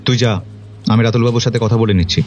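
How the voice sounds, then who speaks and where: An actor playing a commanding police detective who questions witnesses firmly. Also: male voice, mid-range voice, fairly even intonation, quick pace, darkish tone, a little hiss or hum, natural voice. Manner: firm, authoritative questioning.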